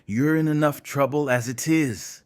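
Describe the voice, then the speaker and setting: A man's voice: fairly low pitch, lively intonation, normal speed, slightly rough, no room sound. A man voicing a sneering sailor bully. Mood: menacing. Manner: sneering, menacing.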